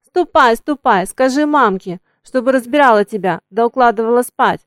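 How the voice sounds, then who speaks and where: A woman voicing a gruff, teasing old coachman. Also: a little high, normal speed, no echo, studio quality, natural voice. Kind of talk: audiobook reading.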